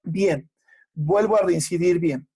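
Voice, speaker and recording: A secondary school teacher gives a remote class. The teacher explains patiently, asks questions and answers them, and slows down to spell out sounds. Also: medium pitch, dark tone, husky. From Peru.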